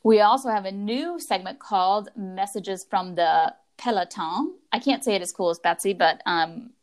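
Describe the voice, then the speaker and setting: A woman co-hosting a team podcast, presenting the episode in a friendly, relaxed way with some fillers. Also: mid-range voice, moderate pace. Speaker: podcast co-host. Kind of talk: casual chat.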